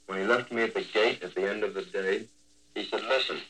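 A man working as a radio war correspondent, reading his scripted news report in a measured, descriptive way. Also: on the low side, fairly even intonation, fairly bright tone, slight background noise, poor audio.

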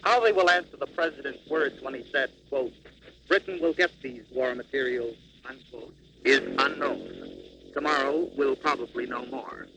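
A man's voice: mid-range voice, very animated, gravelly. Man reporting over crackly old shortwave radio. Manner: formal, measured delivery. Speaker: foreign correspondent. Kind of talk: live news report.

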